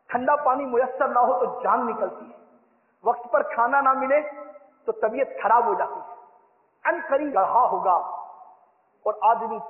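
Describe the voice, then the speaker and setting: High-voiced guy preaching a sermon, stirring the crowd with repeated vows, tinny sound, echoey hall. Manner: rousing, repetitive exhortation, leads the crowd in vows.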